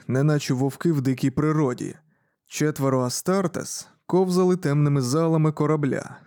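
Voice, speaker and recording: Man reading an audiobook, dark mellow voice, dry close sound. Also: medium pitch, no echo. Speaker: audiobook narrator. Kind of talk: scripted audiobook narration.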